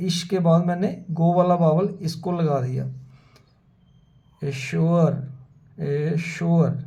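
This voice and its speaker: Slow gravelly shorthand teacher. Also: male voice, high voice, dark tone. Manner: methodical, repeats words slowly for students. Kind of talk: whiteboard lesson explanation. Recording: dull lo-fi sound.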